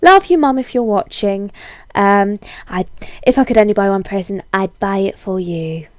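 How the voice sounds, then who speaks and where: A young woman with a cold-hoarsened voice, chatting casually in a rambling, self-deprecating way as a video blogger. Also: mid-range voice, moderate pace, dry recording, studio quality. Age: young adult. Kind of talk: casual chatty vlog, answering tag questions.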